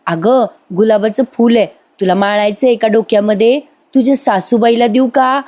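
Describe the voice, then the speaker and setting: A woman voicing a blunt, loud older village woman who talks in a brash, scolding way. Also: a little high, moderate pace, close to an everyday voice.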